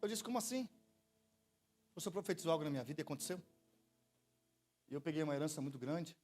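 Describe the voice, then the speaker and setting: Racing along in a voice on the high side, a Brazilian Portuguese–accented pastor tells joke-filled stories during a church service. He leads the congregation in repeating his lines, and soft music plays in the background.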